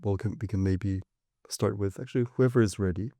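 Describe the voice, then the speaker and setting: Low, mellow-voiced male panel host. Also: brisk, dry recording, clean studio sound. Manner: rambling, warm-hearted, filler-heavy. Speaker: course leader and host. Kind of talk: hosting a panel interview.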